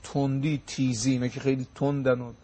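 A man giving a religious talk on a show. He recites sayings slowly in Arabic and then explains them briskly. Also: medium pitch, level tone, a loud crowd. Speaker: religious lecturer.

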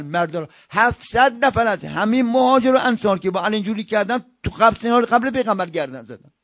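A man preaching an impassioned sermon. He swings from loud outbursts to hushed murmurs and chants scripture in a slow recitation. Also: extremely high pitch, no echo, highs cut off.

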